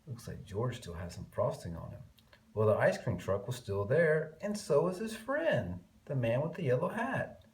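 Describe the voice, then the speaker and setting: At a moderate pace and medium pitch, a man reads a picture book to young kids with plenty of expression. He stretches out key words and drops in quiet, chatty asides.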